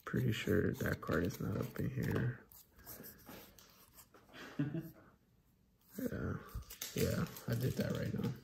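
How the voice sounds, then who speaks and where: A young man with a creaky, gravelly voice hosts a casual card pack opening. He banters in loose slang and swears freely. There is light background noise with crinkling wrappers. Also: lowish voice, takes it slowly, long pauses. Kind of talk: casual chat while opening card packs. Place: indoors at a tabletop.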